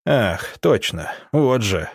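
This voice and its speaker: A man's voice: medium pitch, expressive, normal speed, a little mellow, no room sound, clean studio sound. Man playing a weary old village elder. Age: 60s. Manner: tired, grumbling.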